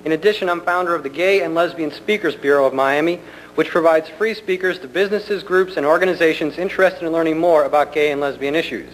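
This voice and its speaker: Higher-pitched man giving an earnest formal speech. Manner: earnest, deliberate, polite. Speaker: community center director addressing a county commission. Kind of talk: formal prepared public speech. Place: public government meeting room. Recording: noisy hum, 1990 public meeting recording.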